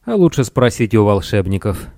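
A man voicing a bold pirate captain in a dry, mocking way, close to his own low voice. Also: big pitch swings, brisk, dark tone, dry recording.

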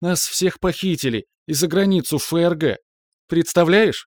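An eager, chattering teenage sister from an audiobook story, voiced by a man. Her voice is lifted clearly high, and the recording is dry and close. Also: moderate pace, no echo, natural voice. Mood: excited. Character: excited teenage girl, the younger sister.

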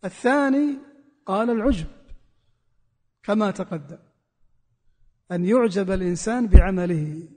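A man's voice: high-pitched, lively intonation, moderate pace, pauses often, a little mellow, husky, long reverb tail. A man preacher giving a religious sermon, repeating key phrases for emphasis. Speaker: Islamic preacher.

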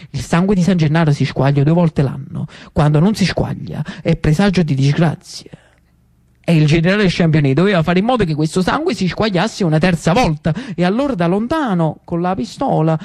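A storyteller telling a tale in an ironic, lively theatrical monologue. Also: medium pitch. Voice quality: animated, ironic, with dialect turns.

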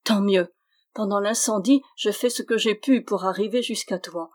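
A woman's voice: mid-range voice, moderate pace, darkish tone, lightly acted. A woman reading an earnest, brooding old squire. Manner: earnest, troubled. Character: loyal middle-aged male squire, brooding.

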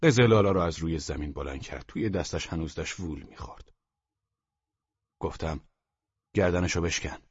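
A man narrating a novel as an audiobook in calm, measured storytelling, often softening to a near whisper, on a dull lo-fi recording. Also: very deep voice, slightly rough, no echo. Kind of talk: scripted literary narration. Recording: dull lo-fi dry studio recording.

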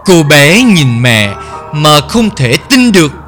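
A man narrating a horror story in a slow, dramatic storytelling manner. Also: on the high side, very animated, a bit bright, soft background music.

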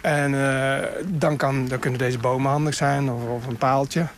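A man's voice: medium pitch, fairly even intonation, unhurried, a little hiss or hum. A man who is a bird sound expert, explaining in the open air and sometimes imitating bird calls. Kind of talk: explaining in a field report. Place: outdoors in open grassland.

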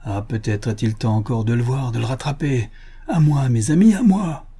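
A man voicing a brave frontier hunter who gives loud commands to his men in a read adventure story. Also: medium pitch, normal speed, breathy edge. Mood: furious.

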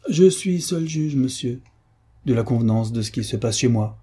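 Man reading proud young duke, curt and cold, husky dark voice. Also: mid-range voice, lively intonation, normal speed, pitched above the performer's own voice.

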